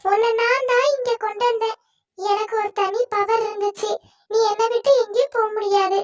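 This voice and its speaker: Woman playing a gentle magic tree in a cartoon; soft, soothing, high voice. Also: steady tone, moderate pace, recorded from a distance, highs cut off. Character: kindly magical fruit tree, gentle and caring.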